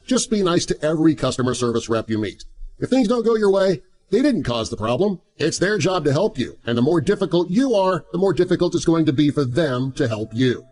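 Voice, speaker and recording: Animated higher-pitched male narrator. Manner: animated storytelling. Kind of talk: scripted story narration. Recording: music under the voice. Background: background music.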